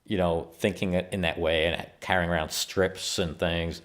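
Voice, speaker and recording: A middle-aged man, a scientist guest, giving measured, explanatory interview answers with frequent restarts. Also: sits low, little pitch movement, a bit bright. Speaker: guest scientist and company founder.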